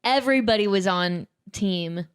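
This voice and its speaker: A woman's voice: mid-range voice, moderate pace, clear, resonant tone. A woman co-hosting a casual podcast, playful and teasing, often laughing. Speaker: podcast co-host.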